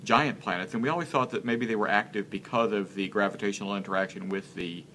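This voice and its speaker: A man in his thirties, an interview guest speaking in a casual live-stream chat, earnest and halting as he searches for words. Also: fairly low pitch, bright, forceful tone, slight background noise. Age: 30s.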